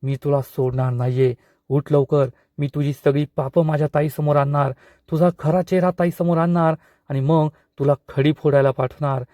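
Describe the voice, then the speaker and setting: A man's voice: on the high side, fairly even intonation, normal speed, no echo, clean studio sound, natural voice. A man voicing an enraged protective brother. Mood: furious. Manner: shouting, threatening.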